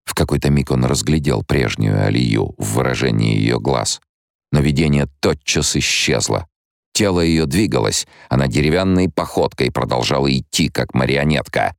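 A man with an extremely deep voice reads an audiobook with steady, dramatic narration. His tone is gravelly with fry, recorded close and dry. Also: moderate pace, no echo. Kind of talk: scripted narration.

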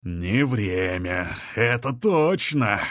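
A man voicing a menacing sorcerer lord who speaks slowly in a purring, condescending tone. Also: on the low side, expressive, no echo, clean studio sound. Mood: purring menace.

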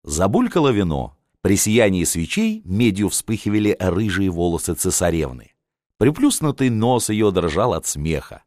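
Low-voiced, expressive male audiobook narrator. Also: moderate pace, dry recording, studio quality. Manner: expressive, dramatic.

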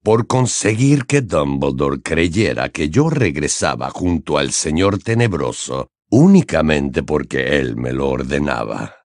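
A man as a cold sardonic man, very deep, slow and measured, audiobook voice. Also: very animated, darkish tone, no echo, clean studio sound, heavily acted. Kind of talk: audiobook character voice.

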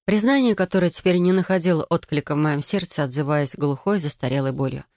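A woman's voice: low voice, fast, a little mellow, no room sound, clean studio sound. Woman narrating a novel in the first person. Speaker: audiobook narrator.

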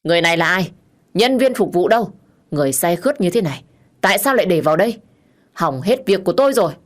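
A woman's voice: lowish voice, lively intonation, fast talker, natural voice. A woman voicing an irritated businessman in a suit who complains indignantly in a storybook reading. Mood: annoyed.

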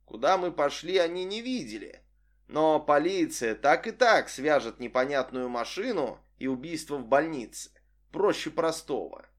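Audiobook guy, first person, measured wry tone, voice a bit on the high side. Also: animated. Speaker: audiobook narrator.

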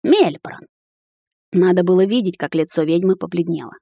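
A woman reads a first-person fantasy story in a measured, softened way. Her voice is fairly low and the sound is dry and close. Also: expressive, no echo. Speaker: narrator.

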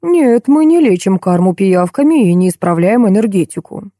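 A woman reading an audiobook voices a calm, composed female interior designer. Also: medium pitch, no room sound, clean studio sound, close to an everyday voice. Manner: calm, measured.

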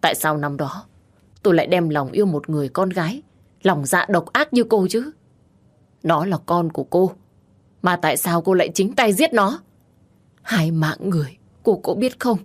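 A woman reading an audiobook gives voice to a furious, grieving young man who shouts harsh accusations. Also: fairly low pitch, fast talker, few pauses, natural voice. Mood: furious shouting.

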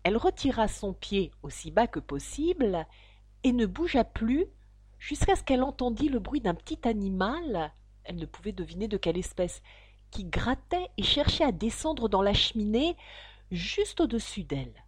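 A woman narrating a children's storybook with expressive, animated reading. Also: mid-range voice, normal speed, breathy edge, no echo. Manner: expressive reading, voices for each figure. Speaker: audiobook reader.

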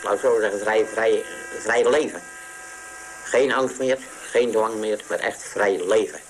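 A man's voice, electronically distorted and pitch-shifted to keep him anonymous, sits fairly low. He talks hesitantly in a radio interview and keeps breaking off and starting sentences again. A faint hiss runs under the recording. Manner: hesitant, halting, many restarts. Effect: voice distorted to disguise identity, pitch-shifted. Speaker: interviewee, former patient.

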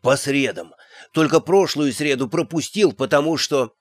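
A man's voice: fairly high pitch, normal speed, no echo, natural voice. Timid, weak-voiced young servant lad, read by a man, dry sound. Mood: nervous. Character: nervous young male castle servant.

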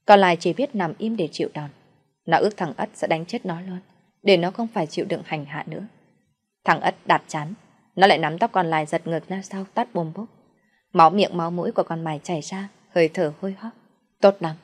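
A woman storyteller narrating a dark folk tale in a steady, even voice. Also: fairly low pitch, fairly quick, husky.

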